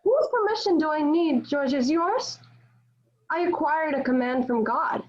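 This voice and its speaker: A woman's voice: sits high, lively intonation, measured pace. A woman playing a devout, defiant young Joan of Arc in a dramatic table read, speaking in formal, declamatory period phrasing. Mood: defiant, scornful. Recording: dull lo-fi virtual-meeting audio.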